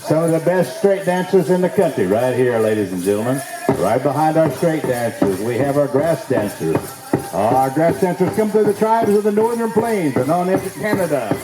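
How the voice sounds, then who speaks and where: A man's voice: on the high side, expressive, normal speed. Male powwow emcee, folksy celebratory announcing, echoey arena, music behind. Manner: folksy, celebratory introductions with repeated phrases.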